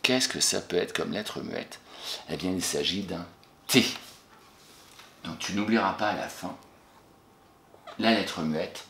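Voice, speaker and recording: A man teaching a young child, spelling words slowly letter by letter and warmly praising answers he pretends to hear. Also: low voice, vocal fry. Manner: encouraging, talks to an absent pupil and pauses for answers. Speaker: primary school teacher. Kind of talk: recorded spelling lesson for a child. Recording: echoey room with faint noise.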